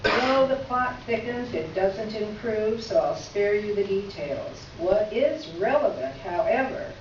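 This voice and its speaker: In a staged reading, a woman voices a witty, gracious letter writer penning a candid note, speaking in formal, articulate phrases with a wry, frank mood. Her natural, medium-pitched voice is expressive and a little slow, recorded from afar in an echoey indoor room, sounding muffled with faint noise.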